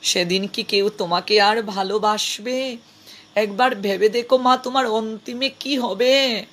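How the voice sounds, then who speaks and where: A man playing a kind old holy man who speaks softly and tenderly, in a gentle, admonishing way. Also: sits high, a little slow, voice pushed up. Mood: gently admonishing. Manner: soft, tender, calls her mother.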